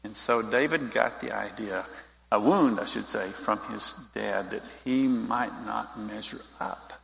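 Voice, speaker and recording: A man's voice: on the low side, unhurried, vocal fry, fairly bright tone, big-room sound, slight background noise, low-quality recording. A man giving an informal Bible teaching, talking straight to his group in a conversational way.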